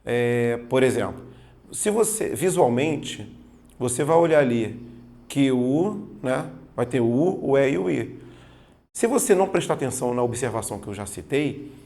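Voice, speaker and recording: Preparing students for an exam, this man teaches Portuguese grammar with a medium-pitched, expressive, dark voice at a moderate pace. He is patient and explanatory, leaning on emphasized examples and checking in with "tá vendo?" and "certo?".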